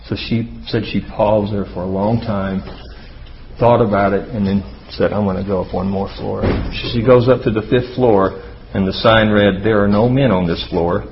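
Guy doing a folksy laid back sermon, storytelling w pauses, kinda dull lofi audio w a bit of noise. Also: lowish voice, fairly even intonation. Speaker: speaker at a church or marriage talk. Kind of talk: conversational sermon with joke storytelling.

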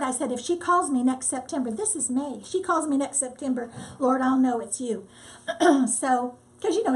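An older woman, a disaster relief volunteer, telling her story in a lively, casual way and acting out what people said. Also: sits high. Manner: lively storyteller, acts out quotes. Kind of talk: casual testimony.

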